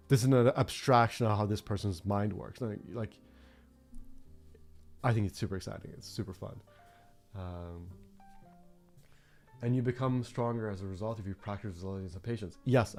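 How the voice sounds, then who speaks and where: A young Norwegian man streams himself drawing and chats casually in a lowish, darkish voice. He rambles reflectively as he works, with plenty of fillers and restarts.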